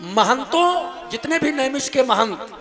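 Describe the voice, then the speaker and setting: A male preacher giving an emphatic religious discourse on stage, with rhetorical questions, then leading slow devotional singing. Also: very high-pitched, animated. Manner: emphatic, rhetorical questions, sings kirtan slowly. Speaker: kathavachak preacher. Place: outdoor religious gathering stage. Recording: live stage audio with music behind. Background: devotional music.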